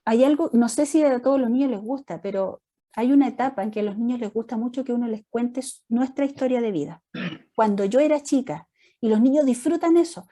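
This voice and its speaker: Middle-aged Chilean woman pastor, conversational teaching, lively storyteller with a warm, fairly high voice. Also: a little fast. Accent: Chilean Spanish. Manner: lively storytelling, acts out family dialogues. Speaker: pastor leading a parents' workshop. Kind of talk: conversational church teaching talk.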